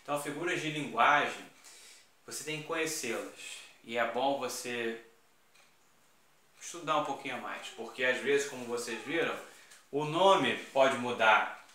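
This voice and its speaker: A man's voice: mid-range voice, a little slow, sharp tone. A man teaching for exam prep, informal and slangy, full of emphatic rhetorical asides. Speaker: Portuguese teacher. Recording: very echoey classroom.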